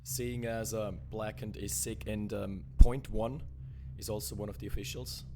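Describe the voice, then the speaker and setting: A man's voice: lowish voice, little pitch movement, normal speed, a little mellow. A man hosting a livestream, casually interviewing a guest. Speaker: livestream host. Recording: music clearly playing behind the voice. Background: music.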